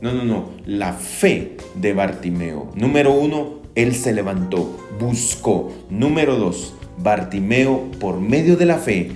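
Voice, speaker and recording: Slow, emphatic preaching pastor. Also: male voice, on the low side, lively intonation, a little mellow, echoey room, faint music behind. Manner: slow, emphatic preaching with rising cries when quoting. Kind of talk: sermon.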